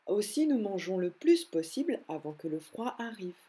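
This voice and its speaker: A woman voicing a big, calm bear in a storybook, in a low, unhurried voice. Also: husky.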